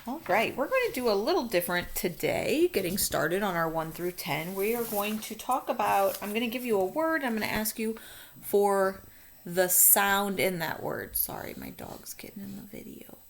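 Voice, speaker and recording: A woman's voice: medium pitch, lively intonation, normal speed, a little hiss or hum. A woman teacher recording a phonics lesson for young children, drawing out letter sounds in a sing-song teacher voice.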